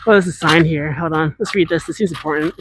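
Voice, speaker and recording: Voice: medium pitch, quick pace, background noise. Rambling streamer on a city walk. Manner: rambling, chatty, replies to viewer chat; talks while walking and scootering. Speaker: IRL streamer. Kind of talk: casual live-stream chat while exploring. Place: outdoors in a large city.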